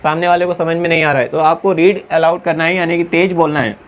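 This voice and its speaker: A man teaching a class, dictating points slowly word by word and often checking "है ना" and "clear" with his students. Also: on the high side, little pitch movement. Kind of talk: classroom lecture.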